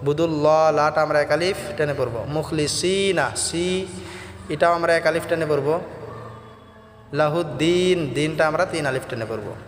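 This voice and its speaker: A man's voice: a little high, moderate pace, reverberant, big-room sound, slight background noise. A man teaching Quran pronunciation, patiently explaining each sound step by step.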